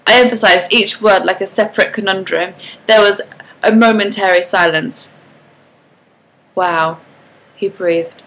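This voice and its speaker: A woman reading a first-person novel aloud in an expressive, animated storytelling manner. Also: medium pitch, moderate pace, poor audio. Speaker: reader of a novel.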